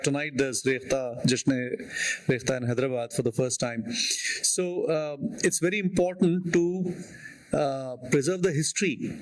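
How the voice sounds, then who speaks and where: A man talks on a conference panel. He halts often, fills pauses and corrects himself as he goes. His voice sits at an ordinary mid pitch for a man. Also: darkish tone. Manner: halting, many fillers and self-corrections. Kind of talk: conversational panel talk.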